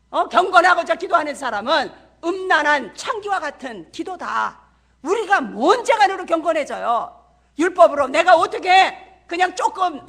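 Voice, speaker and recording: A woman's voice: high-pitched, fairly bright tone. A middle-aged woman missionary preaching a sermon in a church, passionate and full of rhetorical questions to the congregation.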